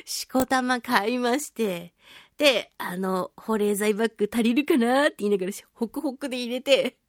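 A talk radio host and voice actress shares a personal anecdote in a casual, playful, chatty style. Her voice is a little high at a moderate pace, and she is an animated storyteller who mocks herself playfully. The studio sound is clean, with no echo.

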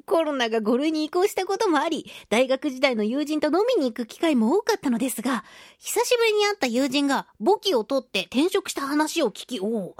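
A radio show host and voice actress with a high-pitched voice runs a casual talk show, reading listener mail and chatting with them expressively and playfully. The recording is studio quality with no echo.

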